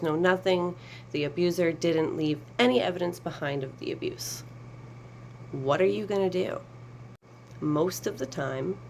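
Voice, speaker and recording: A woman's voice: deep voice, slight background noise, rough recording. A woman advocate speaking earnestly to camera, explaining a process with emphasis and sarcasm. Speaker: survivor advocate.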